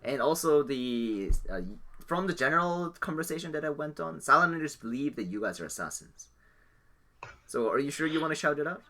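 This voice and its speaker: Animated man running a tabletop game. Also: on the high side, a little fast. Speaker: game master. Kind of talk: improvised tabletop game narration.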